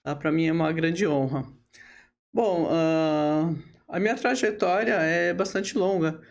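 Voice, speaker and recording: A woman, a lawyer telling her career story as a podcast guest, steady and full of tag questions and hesitation fillers. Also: sits low, a little slow. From Brazil. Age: 50s. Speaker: lawyer and bar association leader, podcast guest. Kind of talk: relaxed interview storytelling.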